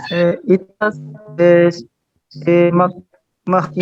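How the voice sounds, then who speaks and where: A woman student asking a question over a video call, her audio cutting in and out, speaking haltingly. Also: fairly low pitch, monotone, lo-fi sound, soft background music. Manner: halting, hesitant. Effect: choppy call audio that keeps breaking up. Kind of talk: online class question.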